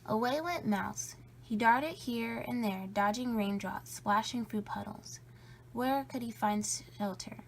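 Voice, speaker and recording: A woman reading a children's story aloud in a playful, spooky way, with drawn-out emphasis and a creaky edge. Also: fairly high pitch, slight background noise. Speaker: storybook reader.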